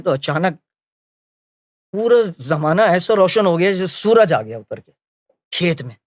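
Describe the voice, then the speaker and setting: A man retelling his memories of a spiritual leader as a spoken story, acting out the quoted conversations, often pausing on filler phrases and correcting himself. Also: on the high side, no echo.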